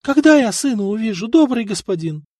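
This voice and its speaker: A man's voice: fairly high pitch, animated, moderate pace, a little mellow, no room sound, clean studio sound. A man voicing an old widowed peasant woman who mumbles and pleads through tears in an audiobook. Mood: sobbing, pleading.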